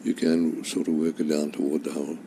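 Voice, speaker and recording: A man's voice: rumbling low, flat delivery, brisk, background noise. A man commentating on live golf in an understated, conversational way.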